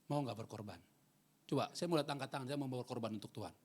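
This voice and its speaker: A male pastor, preaching a sermon in a church hall. He jokes with the congregation and swings between loud preaching and quiet asides. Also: mid-range voice, fast talker, breathy edge. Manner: animated, joking with the congregation.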